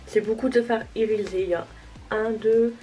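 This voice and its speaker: A woman's voice: on the high side, fairly even intonation, normal speed, warm tone, soft background music, low-quality recording. Chatty young woman doing a makeup vlog. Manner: chatty, self-deprecating, talks while applying makeup. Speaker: beauty vlogger. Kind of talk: casual makeup tutorial chat.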